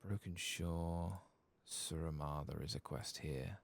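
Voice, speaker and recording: In a dry recording, a man with an extremely low, husky, gravelly voice takes his time, murmuring softly through a video game in the manner of ASMR.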